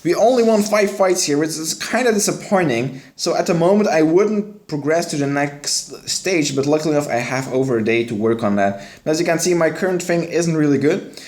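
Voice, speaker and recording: This young West Flanders streamer talks a little fast, his somewhat high, darkish voice full of lively intonation and a West Flemish accent. While playing a mobile game, he chats loosely with his audience and replies to their comments, all recorded in a room with noticeable echo.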